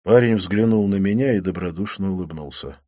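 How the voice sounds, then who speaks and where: A man narrating an audiobook with an expressive reading. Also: sits low, a little fast, no room sound, clean studio sound. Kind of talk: scripted narration.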